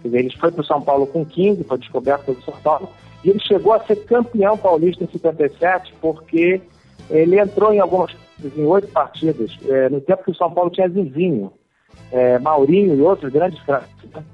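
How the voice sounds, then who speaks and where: A man's voice: a little high, brisk, slightly rough, faint music behind. A man, an author answering interview questions with hesitant fillers and restarts. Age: 50s. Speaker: author, guest. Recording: tinny phone line.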